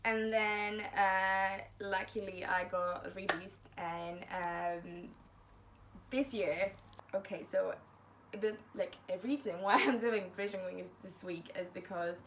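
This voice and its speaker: A woman's voice: medium pitch, fairly even intonation, slow pace, a bit bright, a little hiss or hum. Young woman, chatty storytime vlog, self-mocking, acts out quotes. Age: young adult. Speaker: university student vlogger.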